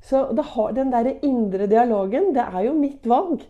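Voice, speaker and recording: A middle-aged woman talks through a motivational podcast monologue. Her voice sits a little high but sounds mellow and warm. She coaches in an upbeat way and keeps turning to the listener with rhetorical asides. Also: expressive, lo-fi sound. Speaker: podcast host and motivational speaker.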